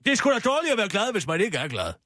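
A man's voice: high voice, wildly swooping pitch, bright, forceful tone, no echo, clean studio sound, full character voice. A man playing a grumpy, pessimistic middle-aged woman who rants scornfully and swears a lot in a radio comedy sketch. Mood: ranting. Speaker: comic radio character.

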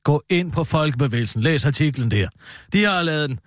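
A man co-hosting a comedy show, rambling about politics in a mock-pompous, animated way. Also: fairly high pitch, no room sound, studio quality. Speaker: satirical co-host.

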